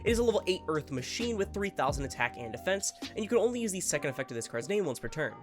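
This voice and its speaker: A man's voice: high-pitched, sing-song, very fast, soft background music. A man with a congested, nasal voice from a head cold, giving rambling, casual video commentary, correcting himself as he goes and swearing now and then. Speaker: card game YouTuber.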